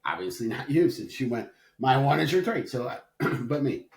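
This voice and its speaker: A man co-hosts a relaxed podcast chat, wandering through his points with plenty of filler words and bursts of playful drama. His voice sits at a middling pitch. The room around him rings with a noticeable echo. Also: moderate pace. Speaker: podcast co-host. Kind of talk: casual chat. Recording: roomy echo.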